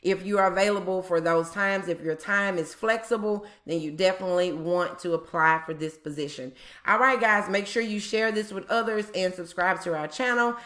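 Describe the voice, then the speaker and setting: A woman's voice: lowish voice, moderate pace, fairly bright tone. A woman hosting a job-tips video, explaining in a casual, chatty way with frequent ums and repeated points. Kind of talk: casual explainer talk to viewers.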